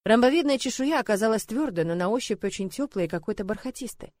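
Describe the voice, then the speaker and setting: Expressive woman narrating a fantasy audiobook. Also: on the high side, fast, dry recording, clean studio sound. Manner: expressive, emotive storytelling. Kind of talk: first-person fantasy narration.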